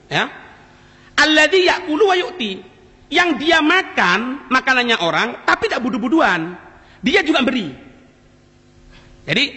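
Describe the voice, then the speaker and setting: A man's voice: very high voice, bright, forceful tone. A man preaching a mosque sermon who quotes Arabic, explains it, repeats key phrases and speaks straight to his listeners. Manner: addresses listeners directly. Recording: echoey mosque hall.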